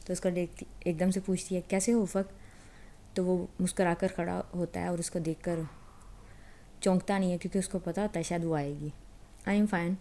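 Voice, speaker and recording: A woman with a low, mellow voice retells a novel in a loose, conversational way. She speaks the characters' lines in her own plain voice and restarts a word here and there. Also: level tone, slight background noise. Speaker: storyteller.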